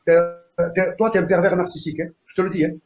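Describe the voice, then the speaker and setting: Man, livestream host, agitated scolding rant, rapid speech, roomy echo. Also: sits high, steady tone, darkish tone, faint music behind. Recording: echoey lo-fi stream audio.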